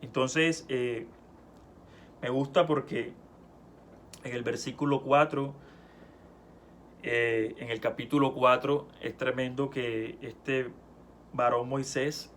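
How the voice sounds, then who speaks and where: A man preaches in an easy, chatty way, stumbling over restarts, then lifts his voice when he reads scripture. His pitch sits in the middle range. A faint hiss of noise runs under the recording. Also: fairly even intonation, takes it slowly, long pauses. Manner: conversational preaching with many restarts, rising loud when reading scripture. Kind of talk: sermon.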